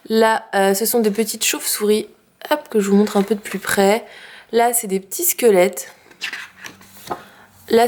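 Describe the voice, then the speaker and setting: A woman's voice: medium pitch, darkish tone, slight background noise. A woman with a French accent showing her craft purchases in a casual, chatty way with many fillers. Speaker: craft vlogger. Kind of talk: casual haul video.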